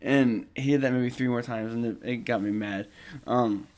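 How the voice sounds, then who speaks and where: A young man hosts his podcast and tells a casual, rambling story. He is full of ums and false starts and keeps pointing to photos as he goes. His voice sits at an ordinary middle pitch for a man. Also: steady tone, normal speed, a little mellow. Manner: rambling, with many ums and restarts; shows photos while talking. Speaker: podcast host.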